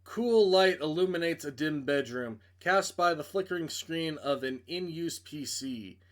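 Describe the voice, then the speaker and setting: A man's somewhat high, animated, bright voice moves a little slowly as he plays through a video game on stream. He dramatizes the narration he reads aloud, yet stumbles and interrupts himself with blunt, casual commentary.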